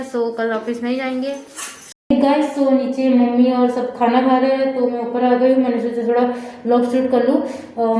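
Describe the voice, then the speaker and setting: Tired young woman vlogging in echoey room. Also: high-pitched. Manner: soft-spoken, rambling, many fillers. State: unwell, low energy. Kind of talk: casual vlog chat. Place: room upstairs at home. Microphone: phone held in hand.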